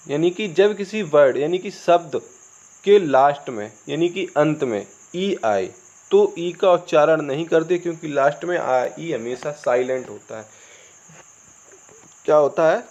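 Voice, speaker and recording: A fairly high-voiced Indian man leads an English lesson, spelling out each word letter by letter and then answering his own questions. The recording is dull and lo-fi, with crickets chirping faintly behind him. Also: a little mellow. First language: Hindi. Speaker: English teacher. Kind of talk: classroom-style spoken lesson.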